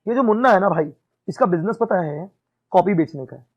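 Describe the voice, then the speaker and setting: Man, high voice, accounts teacher, classroom lecture, keeps asking the class questions, dull lo-fi recording. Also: lively intonation, fairly quick, slightly rough. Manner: repeats "ठीक है?" and quizzes the class. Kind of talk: classroom lecture mixing Hindi and English.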